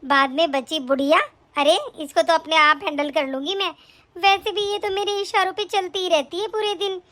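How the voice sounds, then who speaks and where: A woman gives voice to a greedy young daughter-in-law in an animated family drama. She speaks in a very high, bright voice and is smug and scheming. She plots to take the family's property. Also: normal speed. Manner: smug, scheming, later pleading. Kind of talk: animated story voice acting.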